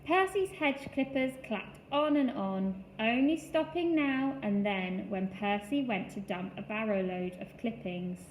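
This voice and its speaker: A woman reading a children's story aloud in a slow, expressive storytelling style. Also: fairly high pitch, slight background noise. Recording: echoey room, faint ambience.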